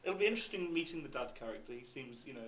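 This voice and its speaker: An easygoing man chatting on a podcast, agreeable and quick to go along. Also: mid-range voice, expressive, fairly bright tone, far from the mic. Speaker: podcast co-host. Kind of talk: casual chat. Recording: roomy echo.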